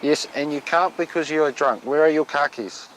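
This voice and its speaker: A New Zealand police officer with a broad Kiwi accent and a higher-pitched voice talks with members of the public on the job, speaking at normal speed in a blunt, firm, matey, colloquial way. He's outdoors on a residential street, and traffic noise fills the recording.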